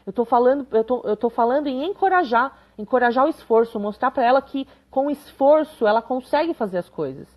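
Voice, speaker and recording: With a high, expressive, slightly mellow voice, a woman in her thirties speaks a little fast and barely pauses during a live parenting talk. She keeps it conversational, checking in with viewers through tag questions and reading out their comments.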